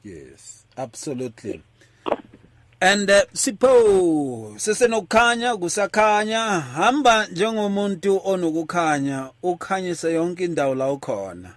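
Casting: South African male radio host, casual, higher-pitched, very animated delivery, code-switches mid-sentence. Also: a little slow. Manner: mixes English with a Nguni language. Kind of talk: casual talk show hosting.

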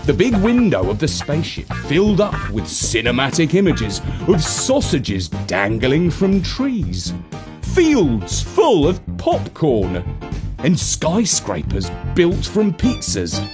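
A male storyteller reads a children's tale at an unhurried pace. His voice is playful and expressive, swinging widely in pitch. Music runs beneath the narration.

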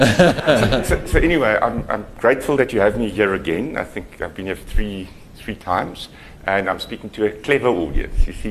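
A man's voice: fairly low pitch, a little hiss or hum. A middle-aged man from South Africa, a native Afrikaans speaker, giving a conversational, self-deprecating conference talk. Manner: self-deprecating, conversational, chuckles at his own jokes. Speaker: keynote speaker.

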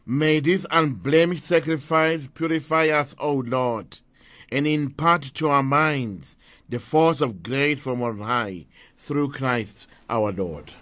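A man's voice: medium pitch, slow pace, a bit bright, dry recording. A man speaking as a priest at Mass, reciting liturgical prayers in a solemn, formal way.

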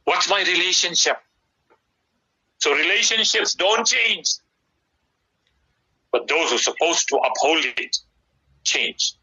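A man's voice: sits high, animated, slow pace, long pauses, pushed and bright, husky. A middle-aged man with a South African Indian accent gives conversational religious advice in an emphatic, preacherly way, repeating key phrases. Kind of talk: conversational radio sermon. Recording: slightly dull radio broadcast sound.

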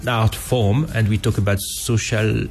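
A man's voice: on the low side, fairly even intonation, a little slow, gravelly. A middle-aged man talking conversationally as a filmmaker guest on radio, phrasing things hesitantly and thoughtfully with good-humoured asides.

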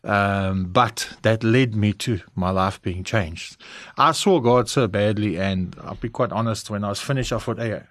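A man's voice: on the low side, measured pace, fairly bright tone, dry recording, studio quality. A middle-aged South African man with a South African English accent, frankly telling his personal testimony as an interview guest. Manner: candid, frank storytelling.

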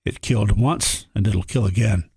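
A man's voice: lowish voice, normal speed, vocal fry, darkish tone, breathy edge, dry recording, studio quality. A man reading a frontier horror story aloud, voicing the prospectors' dialogue in a folksy drawl. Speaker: narrator.

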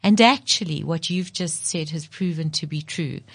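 Reflective, expressive woman psychologist, lowish voice. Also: normal speed, vocal fry, breathy edge, dry recording. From South Africa. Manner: reflective, expressive, repeats phrases for emphasis. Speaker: interview guest, psychologist. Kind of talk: in-depth interview conversation.

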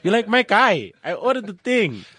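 A male comedian co-hosting a podcast, joking in slangy, animated talk. His voice swings widely in pitch, and the studio sound is dry. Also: moderate pace, breathy edge, no echo. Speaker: comedian co-host. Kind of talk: casual chat. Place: radio studio.

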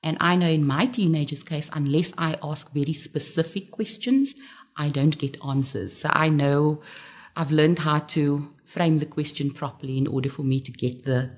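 Casting: woman, middle-aged, lower voice, candid radio guest. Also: normal speed. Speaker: interview guest, parent.

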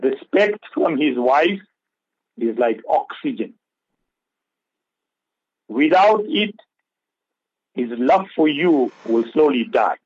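A man's voice: medium pitch, expressive, takes it slowly, pauses often, a little mellow, husky, no room sound, muffled recording. A man giving religious advice on a radio talk show, preaching and repeating key phrases for emphasis. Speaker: Islamic scholar on radio.

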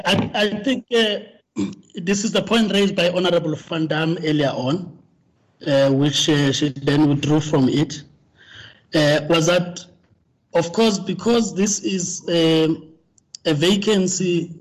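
A man chairing a formal committee meeting, speaking haltingly with many fillers. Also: on the high side, low-quality recording.

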